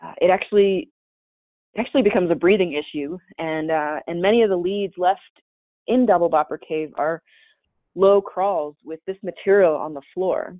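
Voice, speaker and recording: In a webinar, a caver gives a casual, chatty slide-show presentation, full of fillers and restarts. His medium-pitched voice moves at a normal speed, captured dry and tinny through a webinar call mic.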